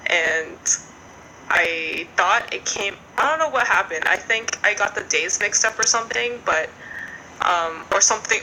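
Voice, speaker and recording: A woman's voice: lowish voice, pushed and bright, a little hiss or hum, low-quality recording. A woman in her twenties telling a story in casual podcast chat, rambling with lots of fillers.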